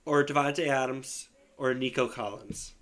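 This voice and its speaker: A man with a hoarse voice from illness, co-hosting a casual sports podcast, reading listener questions and laughing often. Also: medium pitch, fairly even intonation, measured pace, a bit bright. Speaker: podcast co-host.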